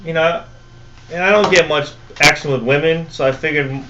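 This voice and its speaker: A man co-hosting a comedy web show, trading deadpan joking asides in casual banter. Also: on the high side, a little fast, dull audio, background noise.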